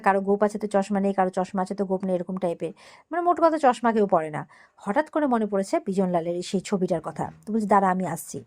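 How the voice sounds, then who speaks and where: A woman's voice: medium pitch, dark tone. A woman retelling a TV serial episode in a casual way, acting out the dialogue in a raised voice. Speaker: serial recap narrator.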